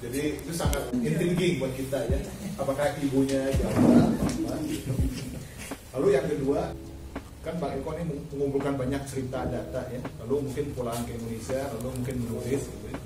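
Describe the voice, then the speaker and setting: A male moderator asks his questions in a quick, relaxed and chatty way. He sounds far from the mic, in a hall with heavy echo. Loud noise fills the background. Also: mid-range voice. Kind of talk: casual questions.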